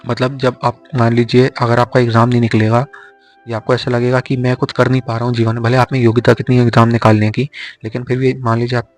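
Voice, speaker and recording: A young man teaches exam mnemonics, drilling syllables slowly and over again. His voice stays flat and even, at a middle pitch. Faint music sits behind him. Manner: slow repetitive drilling of syllables. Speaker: exam tutor. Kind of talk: explaining Hindi poetics mnemonics.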